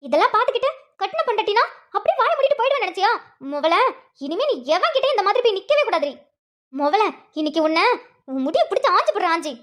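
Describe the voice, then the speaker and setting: Brief: squeaky, rapid-fire jealous cartoon wife, a woman voicing her, quick to scold. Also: very animated, a bit bright, full character voice. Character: jealous, hot-tempered young wife. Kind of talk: Tamil cartoon voice acting.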